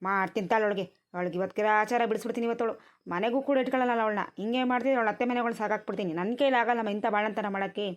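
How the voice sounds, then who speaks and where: A woman's voice: mid-range voice, rapid-fire, natural voice. Woman voicing a scolding village grandma. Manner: nagging, scolding rural speech. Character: scolding village grandmother, tired and sharp-tongued. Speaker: grandmother tending a newborn.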